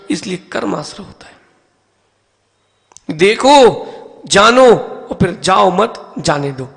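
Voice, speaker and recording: A male monk delivers a patient, questioning sermon in a temple. His voice sits high and has a gravelly texture. A long hall reverb trails after each phrase. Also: a bit bright. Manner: asks listeners questions and calls on them by name; explains step by step with everyday objects. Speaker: Jain monk. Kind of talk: teaching sermon.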